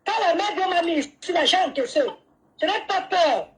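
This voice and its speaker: A woman's voice: very high voice, moderate pace. A woman, defiantly insulting and repeating herself in a heated live-stream argument.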